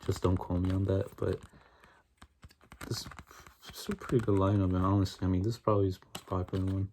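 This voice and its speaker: Young man, fast aggressive ASMR ramble, tapping noise. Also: deep voice, dark tone. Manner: casual, rambling, repetitive enthusiasm with frequent "like" and "honestly". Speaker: ASMR video creator. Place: small bedroom, indoors. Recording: noisy room, clicking and tapping. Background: tapping and clicking on CD cases.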